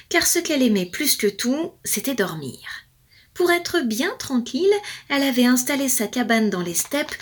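A woman storyteller reading a fairy tale aloud, expressive and playful, with sound effects and hushed asides. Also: fairly high pitch. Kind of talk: storytelling for children.

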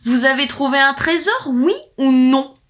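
A woman voicing a harsh, domineering male lord in a storybook reading, with stern shouting. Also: high voice, unhurried, pitched above the performer's own voice. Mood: angry, harsh.

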